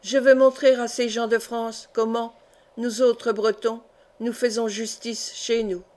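A woman's voice: fairly high pitch, little pitch movement, a little slow, a little mellow, natural voice. A woman voicing a proud, stern old Breton count, reading him in a solemn, grave way close to her own voice. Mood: commanding.

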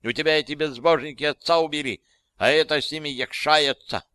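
A man's voice: fairly high pitch, fairly even intonation, brisk, sharp tone, clean tone, dry recording, clean studio sound, voice pushed up. A man voicing a scared, spiteful teenage girl who shrieks. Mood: shrill panic.

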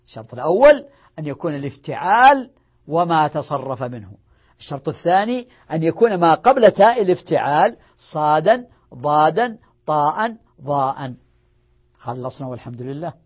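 A sheikh teaching Arabic morphology gives a classroom lecture on grammar, repeating every rule, drilling word forms, and posing questions he answers himself. His voice is slightly high, very animated and husky, at a moderate pace. The lecture recording is dull and lo-fi.

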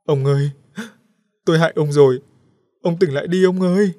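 A man voicing a terrified village wife, crying out in shrill, frantic cries. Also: brisk, dark tone, natural voice. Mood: sobbing. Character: terrified village wife, grieving for her husband.

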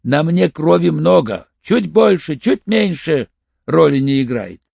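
A sly, wary older male crook, as an audiobook reader puts him on bargains in a hoarse, cagey voice. The pitch moves around freely, and the recording sounds muffled and dry. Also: very animated, a little slow, a little mellow, dry recording, heavily acted. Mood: cagey, bargaining.

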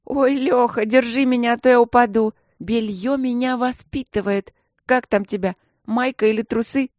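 A woman voicing a cocky, bossy schoolboy who boasts and shouts in a storybook. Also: on the high side, fairly even intonation, moderate pace, no room sound, clean studio sound, voice pushed up, lightly acted. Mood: taunting. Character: cocky loud schoolboy boss.

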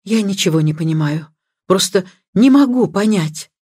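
A woman reading the part of a composed young woman who speaks plainly and bluntly, with a lively voice. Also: mid-range voice, normal speed, breathy edge, dry recording, studio quality. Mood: bewildered.

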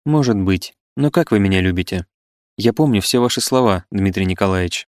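A man's voice: low-pitched, expressive, a little fast, a little mellow, no room sound, clean studio sound. A man voicing a proud, wounded eighteen-year-old woman who speaks with impassioned reproach. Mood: reproachful. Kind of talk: audiobook character reading.

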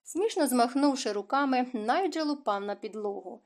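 A woman reading a romance novel aloud as an audiobook narrator, in expressive storytelling. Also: on the high side, normal speed.

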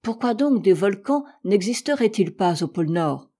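A woman voicing an eager, learned doctor on a polar voyage in an audiobook, excited and reasoning aloud. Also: medium pitch, moderate pace, slightly rough.

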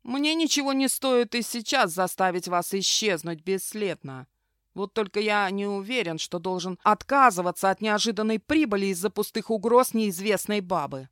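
A snarling fanged male captor barks his interrogation, domineering and loud, as a woman reader puts him on. The audiobook voice sits in a dry, close sound. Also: medium pitch, moderate pace, no echo, close to an everyday voice. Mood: menacing. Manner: barking interrogation.

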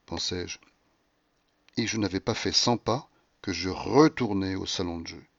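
A man narrating a classic novel as an audiobook, measured in pace, with a brooding first-person voice. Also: mid-range voice, dry recording, lo-fi sound. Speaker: audiobook reader.

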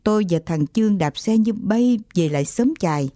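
A woman narrating a childhood story in a gentle, steady reading voice. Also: mid-range voice, moderate pace, dry recording.

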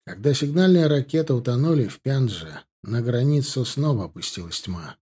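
A man narrating a novel in the first person as an audiobook reader, in a steady, measured way. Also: mid-range voice, slightly rough.

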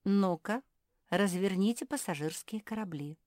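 A woman voicing a calm, commanding male bat king in a storybook reading. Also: on the low side, measured pace, no echo, studio quality, voice pushed up. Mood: regal.

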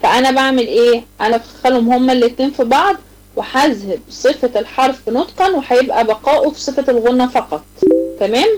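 A fairly high-voiced Egyptian woman teaches tajweed in an online class, walking her students through each rule with repeated questions. She slows right down to chant her examples, stretching every syllable. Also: darkish tone, poor audio. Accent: Egyptian Arabic. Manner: explains step by step with repeated questions, slow drawn-out recitation of examples. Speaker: Quran recitation teacher. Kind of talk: online tajweed lesson to girls.

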